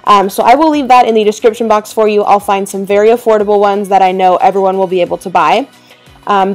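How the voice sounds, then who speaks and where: With a mid-range, darkish voice, a twenty-something lifestyle vlogger talks casually to the camera, upbeat and chatty with plenty of ums and likes. The clip is a voice-over cooking tutorial, shot from the waist up in a bedroom where a clothes rack stands behind her.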